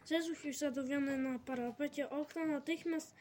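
A woman reading a children's storybook aloud in a lively, expressive way, with small slips. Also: sits high, moderate pace, slight background noise.

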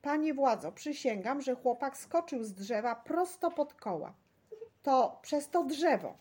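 A woman voicing a frantic hoarse van driver. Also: high-pitched, sing-song, takes it slowly, voice pushed up, exaggerated voice. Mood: panicked pleading. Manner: shouting, pleading. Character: frantic male van driver, flushed and scared.

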